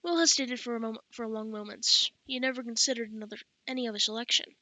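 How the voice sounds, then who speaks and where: Bright-voiced woman reading an audiobook. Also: on the high side, fairly even intonation, rapid-fire, no room sound, low-quality recording. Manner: corrects her own reading slips aloud. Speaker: audiobook reader. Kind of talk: audiobook narration.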